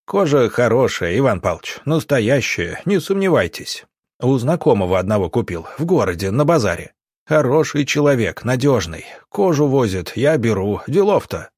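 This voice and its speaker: A man reading an audiobook, voicing a burly, evasive village shoemaker who mutters gruffly. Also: medium pitch, big pitch swings, normal speed, a little mellow, dry recording, clean studio sound. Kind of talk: audiobook character voice.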